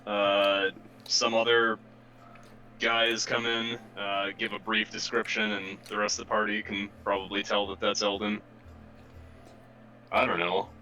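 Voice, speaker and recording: A man's voice: fairly low pitch, flat delivery, unhurried, long pauses, pushed and bright, a little hiss or hum, rough recording. A man playing a tabletop game over voice chat, talking in a loose, rambling way with lots of fillers. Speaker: player.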